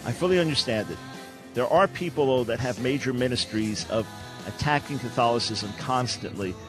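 Radio host guy, firm and steady, middle pitch, faint music underneath. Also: moderate pace. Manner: firm, steady, speaks in long earnest stretches. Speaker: radio talk show host. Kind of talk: call-in radio talk.

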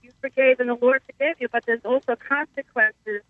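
A woman calls in to a radio show from her car, on speakerphone. Her voice is squeezed into a thin, tinny phone line with no room sound around it. She talks haltingly, with many fillers and restarts. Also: high-pitched, fairly even intonation, no room sound. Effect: car speakerphone over a phone line. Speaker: caller. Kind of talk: call-in radio talk.

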